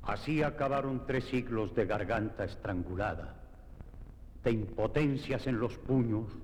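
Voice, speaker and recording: A man's voice: lowish voice, unhurried, a little mellow. A man giving solemn, declamatory, poetic scripted narration of history. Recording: long reverb with faint noise.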